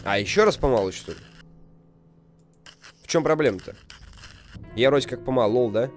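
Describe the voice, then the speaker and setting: A man's voice: mid-range voice, expressive, moderate pace, soft background music. A young man giving casual, rambling, jokey video game commentary, reacting aloud and reading on-screen text. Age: young adult. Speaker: video game let's player.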